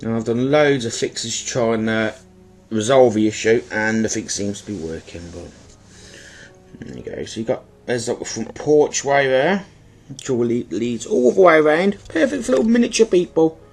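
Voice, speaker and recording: Faint music plays behind a man whose gravelly mid-range voice moves at a moderate pace with lively intonation. A blocked nose makes him sound stuffy and slightly bunged-up as he presents an item in his own video with rambling, apologetic, casual unboxing-style commentary.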